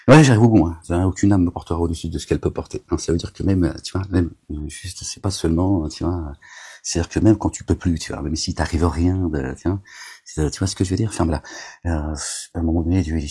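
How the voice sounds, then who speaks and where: A man with a mellow bass voice and a breathy edge rambles agitatedly at his viewers. Styling himself a preacher, he scolds them, his speech riddled with constant verbal tics.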